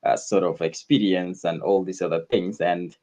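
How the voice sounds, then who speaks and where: A man from northern Uganda, speaking as a guest on a talk radio show in a measured way, with frequent fillers. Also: sits low, fairly even intonation, darkish tone. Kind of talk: conversational interview. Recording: dull lo-fi sound.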